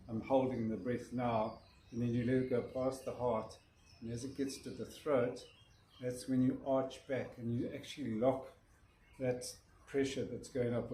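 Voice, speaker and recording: A man's voice: medium pitch, dark tone. A man casually demonstrating a breathing exercise, often restarting his sentences and yawning. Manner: rambling, restarts sentences, yawns. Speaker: breathwork teacher. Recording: roomy echo with faint noise.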